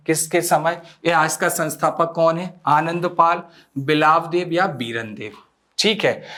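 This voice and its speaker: A man's voice: a little high, fairly bright tone. A man teaching a history lesson for an exam coaching course, asking questions and answering them himself and repeating key facts for students to memorize.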